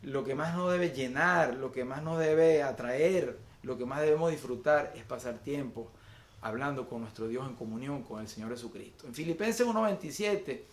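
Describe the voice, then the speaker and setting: Through roomy sound, a man's medium-pitched voice with lively intonation delivers an online Sunday sermon as pastor. When he slows to list virtues one by one, and elsewhere too, he repeats words and fills pauses while hunting for the next phrase.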